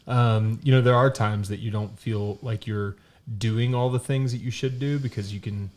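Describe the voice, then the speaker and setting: A man's voice: fairly low pitch, steady tone, moderate pace, a little mellow. A man co-hosting a casual talk podcast, talking in a rambling, storytelling way with lots of fillers. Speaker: podcast co-host. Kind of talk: casual conversation.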